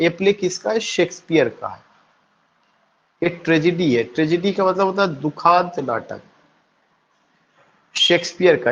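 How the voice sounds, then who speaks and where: Male teacher, lecture, asks and answers his own questions, spells words out, dull lo-fi sound. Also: a little high. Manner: reads English text slowly, then explains in Hindi. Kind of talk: classroom lecture on English poetry.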